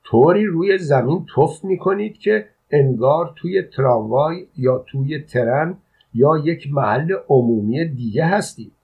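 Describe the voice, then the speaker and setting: A man reading an audiobook voices a calm soldier servant who scolds with unruffled, formal politeness. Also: fairly high pitch, vocal fry, slightly rough, full character voice. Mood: scolding calmly. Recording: dull lo-fi audio.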